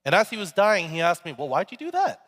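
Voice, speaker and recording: A man's voice: sits high, wildly swooping pitch, fast, a bit bright, voice pushed up, heavily acted. A preacher voicing a male scorpion who says stinging is his nature, in a storytelling manner. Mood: matter-of-fact. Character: boastful male scorpion, stuck in his ways. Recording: echoey hall.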